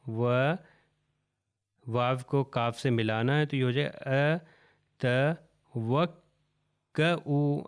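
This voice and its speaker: Man, Quran recitation teacher, smooth resonant tone at a mid pitch, patient and slow on every example word. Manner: patient, repeats each word slowly and deliberately. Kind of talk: step-by-step recitation lesson.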